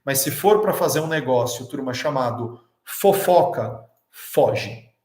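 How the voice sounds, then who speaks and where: A man giving a motivational lecture to an audience, animated, with rhetorical questions and direct address. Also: medium pitch, a little slow, roomy sound.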